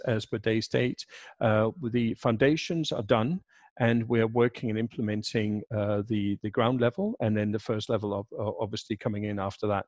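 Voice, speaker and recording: A man in his sixties, a pavilion director, answering interview questions over a video call on a headset mic, measured with many fillers and restarts. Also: mid-range voice, no echo.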